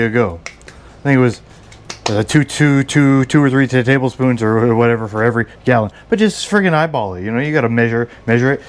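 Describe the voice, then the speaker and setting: A man talking casually through a home recipe, stammering and repeating words as he goes, rambling and self-deprecating. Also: medium pitch. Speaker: home cook. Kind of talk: casual cooking vlog.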